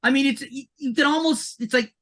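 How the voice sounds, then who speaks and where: Man, high-pitched, sharp bright tone, emphatic, animated podcast chat. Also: brisk. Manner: emphatic and animated, repeats words. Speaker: commissioning consultant, podcast guest. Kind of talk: casual podcast conversation.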